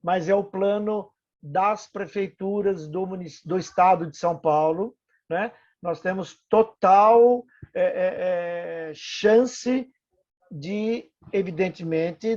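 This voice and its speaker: A man's voice: high voice, slow pace, a little mellow. An older Brazilian man, a municipal housing official, chatting at length in an online webinar with a talkative, self-deprecating manner. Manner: talkative, self-deprecating, offers help repeatedly. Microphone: video call. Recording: dull lo-fi video call audio.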